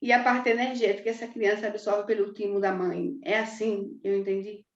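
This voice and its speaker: A Brazilian woman moderates a podcast Q&A, her questions halting and full of restarts. Her mid-pitched voice sits in a roomy, dull-sounding recording. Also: flat delivery. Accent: Brazilian Portuguese. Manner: hesitant, self-correcting questions with many restarts.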